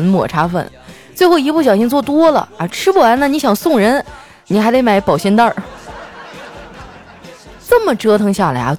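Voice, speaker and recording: A woman's voice: mid-range voice, darkish tone. A woman host telling funny everyday stories in a playful manner, laughing often. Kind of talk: comic storytelling monologue.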